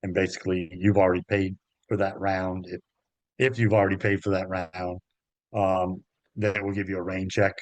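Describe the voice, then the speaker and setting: A man who works as a golf travel agent, talking in a relaxed, halting way with many ums as an interview guest. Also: low-pitched, no echo. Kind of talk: interview conversation. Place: Myrtle Beach area.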